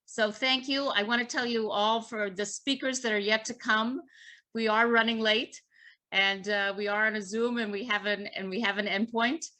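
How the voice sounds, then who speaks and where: A woman moderating a video call meeting, briskly thanking people and introducing speakers. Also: a little high, steady tone, pushed and bright.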